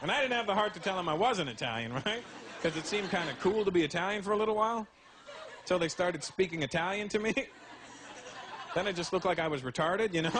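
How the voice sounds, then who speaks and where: A male stand-up comedian telling animated stories with many asides to the audience. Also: sits high, noisy background. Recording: live comedy show, loud crowd laughter.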